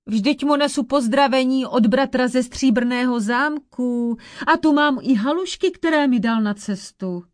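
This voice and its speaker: A woman's voice: sits high, natural voice. A woman voicing a young wandering prince in a folk tale, polite and earnest.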